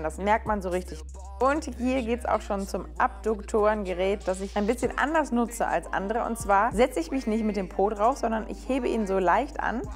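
Upbeat woman explaining her gym routine. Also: mid-range voice. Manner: upbeat and chatty, explains each exercise step by step. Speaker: fitness vlogger.

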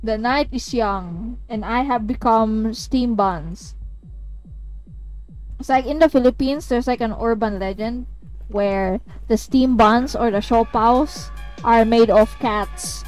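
A young woman with a high voice gives loose, chatty commentary over a live game stream, talking to her chat and drifting into snatches of song. She speaks at an unhurried pace, and soft music plays quietly behind her. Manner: chatty, sings snatches of songs, talks to chat.

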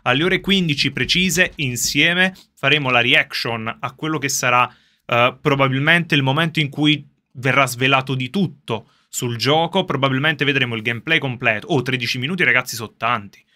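A man chatting casually to his viewers on a livestream from a soundproofed underground gaming room, excitable and quick to laugh. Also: medium pitch. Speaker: streamer reacting live to a game reveal. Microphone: streaming setup with facecam.

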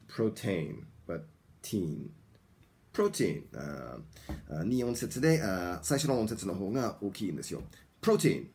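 A man who is a native English speaker, teaching pronunciation in a small studio, switching between English and Japanese and repeating words slowly for drills. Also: fairly low pitch. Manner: lively, slow drilled repetition. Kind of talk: bilingual pronunciation lesson.

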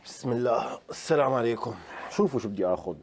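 A man's voice: mid-range voice, lively intonation, fast, slight background noise. A male chef with a Levantine Arabic accent hosting a casual cooking tutorial in a home kitchen. He chats straight to the viewers and throws in playful asides. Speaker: chef and show host.

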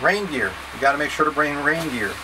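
In a small indoor wood-panelled boat cabin, a man in his thirties with an ordinary, slightly high-to-middle voice explains packing step by step to a camera a few feet away, like a scout leader. He talks fairly quickly, plain-spoken and casually directive, over a clear, steady hum of noise.

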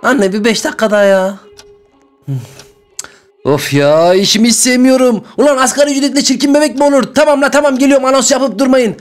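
A man playing a comic grumbling character over Roblox gameplay, excitable and often shouting. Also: extremely high pitch, brisk, faint music behind. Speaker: gaming YouTuber.

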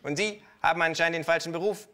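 A man voicing a brash, cynical male kangaroo who talks to a bank advisor in a shrill, gleeful, pushy way. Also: fast talker, bright, forceful tone.

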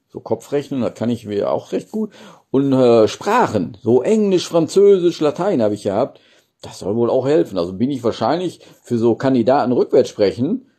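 Very mellow, low-voiced man chatting casually. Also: breathy edge. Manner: colloquial, ending phrases with questioning tags. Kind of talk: casual rambling chat to camera. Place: small indoor room. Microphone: phone at arm's length.

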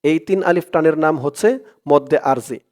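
A man with a Bangladeshi Bengali accent teaching Quran reading, spelling out letters and vowel marks one by one, then reciting each phrase slowly with long drawn-out vowels. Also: a little high, darkish tone. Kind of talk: step-by-step Arabic reading lesson.

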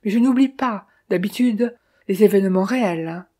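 A nervous, pleading man in an audiobook scene, read by a woman. His voice is mellow and dark, and he sounds plaintive and shaken. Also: medium pitch, moderate pace, close to an everyday voice. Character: anxious, plaintive man accused of a killing.

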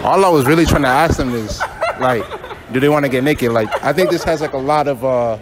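A man's voice: medium pitch, brisk, a loud crowd, heavy background noise. A young man doing a casual prank street interview in a shopping mall with a handheld mic, laid-back and teasing, filling his talk with "you feel me" and "like".

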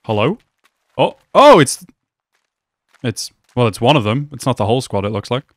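A young man reacting to an anime episode at home, talking excitedly and exclaiming often. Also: mid-range voice, moderate pace, no echo, studio quality. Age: young adult. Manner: animated, exclaims and laughs often. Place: small room at home.

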